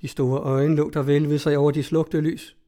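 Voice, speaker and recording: Mellow-voiced man reading a story. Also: fairly high pitch, level tone. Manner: measured, solemn. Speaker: narrator. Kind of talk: scripted narration of a story.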